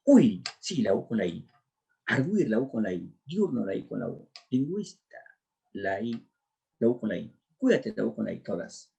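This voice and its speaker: Male lecturer, husky voice, methodical step-by-step explanation. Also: lowish voice, very animated, normal speed, mellow. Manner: drilling, walks through answers step by step. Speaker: teacher. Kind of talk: exam prep lecture.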